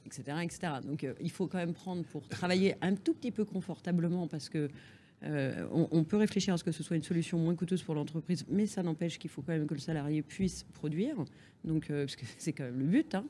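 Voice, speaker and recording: A man speaking as a panelist in a discussion, in a halting way, correcting himself as he argues. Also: on the high side, warm tone. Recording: faint background noise and ambience.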